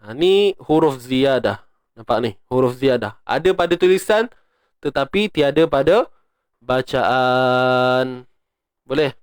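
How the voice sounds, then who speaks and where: A man's voice: medium pitch, lively intonation, normal speed, darkish tone, no echo, studio quality. A man with a Malaysian Malay accent teaching Quran recitation rules, explaining step by step and chanting verses in a raised voice. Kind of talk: tajwid lesson with recitation.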